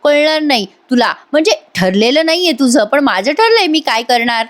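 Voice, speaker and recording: A woman's voice: high voice, sing-song, moderate pace. A woman voicing a bossy, sleepy young husband who grumbles and teases his wife in a retold serial scene. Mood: grumbling.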